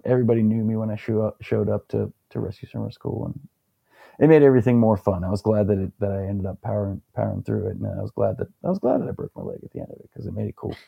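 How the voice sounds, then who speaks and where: A young man casually recounting a story as an interview guest, relaxed and rambling with plenty of fillers. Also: fairly low pitch, fast talker, vocal fry, slightly rough, dry recording, dull audio.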